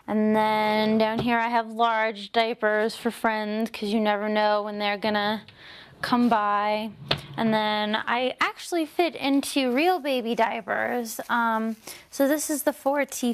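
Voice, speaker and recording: A woman's voice: on the high side, clear, resonant tone. A young American woman in her twenties, chatty and upbeat, casually showing off her room. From United States. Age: 20s.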